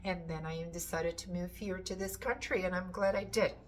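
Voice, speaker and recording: Speaking with a Portuguese accent, a woman from Portugal who sells antiques walks through items from her shop in a casual show-and-tell. She talks at a moderate pace in a lowish voice with fairly even intonation, enthusiastic and a little rambling. A bit of hiss or hum is audible.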